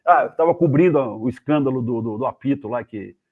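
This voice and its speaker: A man with a Brazilian accent, a guest journalist, telling anecdotes in a casual, animated way and acting out the voices of the people in them. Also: mid-range voice, fairly quick. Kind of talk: casual storytelling. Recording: tinny phone-like video call audio.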